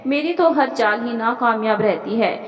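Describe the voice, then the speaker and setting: A woman's voice: fairly high pitch, expressive, moderate pace, long reverb tail, close to an everyday voice. A woman voicing a resentful, plotting young daughter-in-law who talks in a sulky, defiant way.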